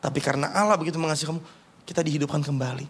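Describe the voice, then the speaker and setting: A man preaching a sermon as pastor, moving between raised emphatic lines and soft, intimate asides. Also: fairly high pitch, racing, slightly rough.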